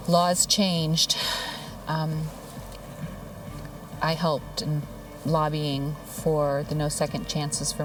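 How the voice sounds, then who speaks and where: Interviewee, woman, low flat voice, slow and heavy with emotion, distant mic with noise behind.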